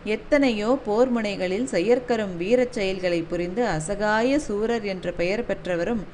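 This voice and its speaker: A woman reading a historical novel aloud as an audiobook narrator, in a steady, measured storytelling manner. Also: medium pitch, slight background noise.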